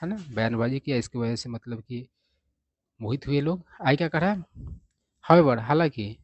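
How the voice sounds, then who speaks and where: A man with an Indian accent teaching English by reading a newspaper aloud, saying each English phrase slowly and then explaining it in Hindi. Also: medium pitch, no echo, highs cut off. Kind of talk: reading and translating a newspaper line by line.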